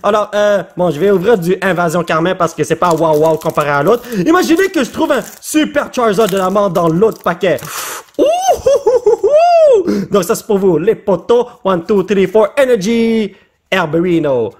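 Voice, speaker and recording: A man with a Québécois French accent, opening trading card packs in an excited casual vlog and dropping English slang into his French. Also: high voice, normal speed. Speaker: YouTuber opening trading cards.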